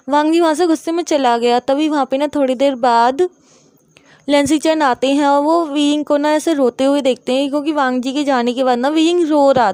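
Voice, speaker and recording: A woman's voice: high-pitched, darkish tone, no room sound. A woman retelling a romance story in a chatty, casual way, sprinkling in filler words and English terms. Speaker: fan fiction storyteller.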